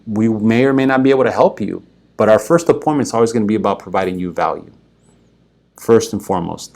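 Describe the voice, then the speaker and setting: Earnest, persuasive man, lowish voice. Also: darkish tone. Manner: earnest and persuasive, with frequent "right?" and "okay" check-ins. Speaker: financial advisor. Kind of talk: direct-to-camera explainer.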